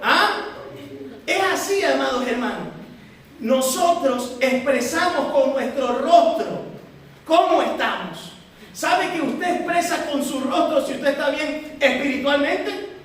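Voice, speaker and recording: A woman preacher with a high voice delivers a teaching sermon. She speaks from a distance in a large hall with strong echo. She keeps asking her listeners rhetorical questions and addresses them as brothers and sisters. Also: expressive, slow pace, slight background noise. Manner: asks the congregation rhetorical questions. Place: large echoey church hall. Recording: echoey church hall from far off.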